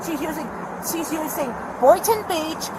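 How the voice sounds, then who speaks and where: A woman living in her car argues with a deputy in a parking lot, agitated and rambling, shouting at times, recorded on a body camera. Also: sits high, measured pace. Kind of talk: heated street argument. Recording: noisy outdoor bodycam audio.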